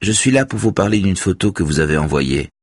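A calm, businesslike young woman investigator, read by a male narrator. The voice is only lightly lifted from his low, slightly husky tone. It is recorded close and dry. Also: fairly quick, no echo.

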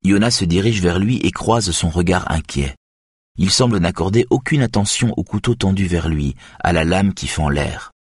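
A man reading an audiobook novel as narrator, in even, measured storytelling. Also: low voice, slightly rough, no room sound, studio quality. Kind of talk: scripted narration.

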